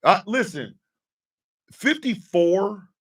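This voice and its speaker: A man in his fifties hosting a live stream, ranting with profanity and often breaking into shouts. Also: high-pitched, big pitch swings, slow pace, husky, far from the mic. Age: 50s. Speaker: host.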